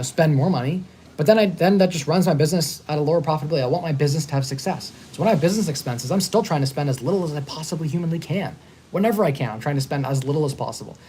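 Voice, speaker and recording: A man in his thirties hosting a casual live stream, upbeat and talking in quick bursts with frequent restarts. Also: on the high side, a little mellow, slight background noise. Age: 30s. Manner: fast-talking, upbeat, repeats and restarts words. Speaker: host. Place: hotel.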